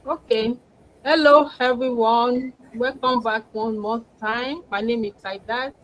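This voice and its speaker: A woman's voice: fairly high pitch, steady tone, unhurried, dull audio. A woman from Nigeria, a panelist on a live stream, speaking in an eager, urging way.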